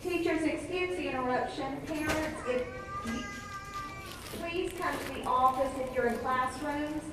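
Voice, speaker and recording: A woman's voice: sits high, fairly even intonation, unhurried. Woman on a school intercom. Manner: polite, repeated announcement. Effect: school intercom loudspeaker. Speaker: school office announcer. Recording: echoey distant loudspeaker with noise.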